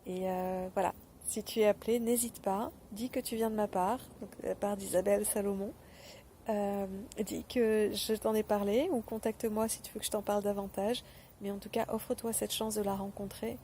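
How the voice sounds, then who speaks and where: A woman giving a spoken testimonial straight to the viewer, gentle and earnest, with hesitant pauses and fillers. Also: medium pitch, a little hiss or hum. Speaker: former program participant giving a testimonial.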